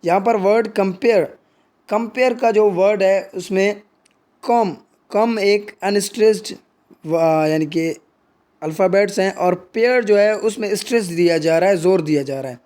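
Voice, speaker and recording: A male teacher with a high voice takes his time through the lesson. He reads each English definition at a crawl and then explains it in Hindi. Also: a little slow, a little mellow. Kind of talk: Hindi lecture on English poetry.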